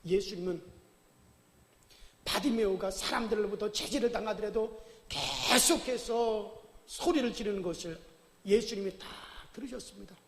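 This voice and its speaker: A man's voice: high voice, normal speed, gravelly, slight background noise. A male pastor preaching a sermon with dramatic, emphatic storytelling. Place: church sanctuary. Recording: echoey church hall reverb.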